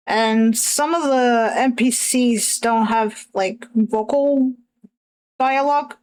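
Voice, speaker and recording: A woman streamer chatting casually while she draws, hesitant and self-conscious, with many pauses and fillers. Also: fairly high pitch, rough recording. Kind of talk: casual chat while drawing.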